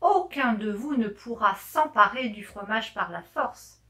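A woman reading aloud, voicing a cunning, self-important male fox in a children's storybook with a persuasive, smooth manner. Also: fairly high pitch, lively intonation, a little slow, sharp tone, far from the mic. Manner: smooth, persuasive, talks down to others.

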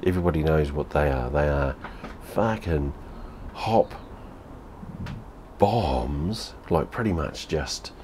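A man's voice: a bass voice, takes it slowly, darkish tone, a little hiss or hum. A New Zealand man in his fifties reviewing beer at home on camera, blunt and sweary, repeating himself as he talks. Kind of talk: casual vlog review. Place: home room with TV behind.

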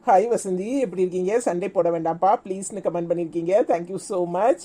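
Woman as an old cartoon grandfather: low, dark, mellow tone, Tirunelveli accent, kindly and slow. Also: steady tone, lightly acted. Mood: warm. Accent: Tirunelveli Tamil.

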